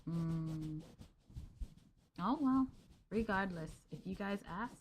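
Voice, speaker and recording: During a cozy ASMR roleplay stream, a young woman streamer talks gently and softly with her viewers, often giggling and dropping to a hush. Her voice is lowish and animated at a slow pace, with a little hiss or hum in the recording.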